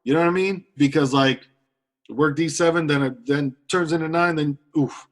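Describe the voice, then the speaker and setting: Rambling podcast cohost, man. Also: on the high side. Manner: rambling, drawn-out musing. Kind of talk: casual chat.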